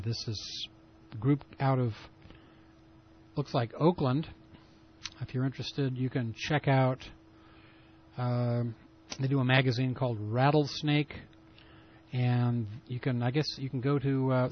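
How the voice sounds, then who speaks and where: A man's voice: mid-range voice, fairly even intonation, measured pace, long pauses, a little hiss or hum. A man hosting a pirate radio broadcast in casual, rambling talk full of fillers, with a lo-fi broadcast sound. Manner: rambling, loose delivery with many fillers. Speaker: radio show host.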